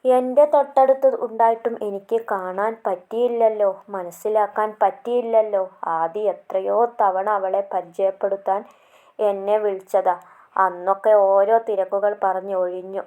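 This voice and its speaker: A woman's voice: mid-range voice, fairly even intonation, normal speed, dark tone, natural voice. A woman reading a story aloud, voicing a heartbroken young man who weeps and laments his lost love. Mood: grieving. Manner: tearful, lamenting.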